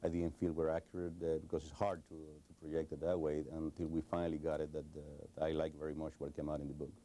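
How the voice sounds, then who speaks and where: Answering questions as a guest on a recorded TV interview, this middle-aged Cuban man has an extremely low, warm voice with a totally flat delivery. He talks at a quick pace in a Cuban Spanish accent, hesitating often with fillers and false starts.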